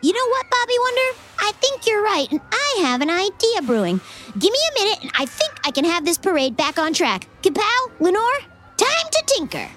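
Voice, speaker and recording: A woman's voice: very high voice, big pitch swings, normal speed, over music. A woman playing an earnest, eager, clever young girl inventor in a children's audio story. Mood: determined.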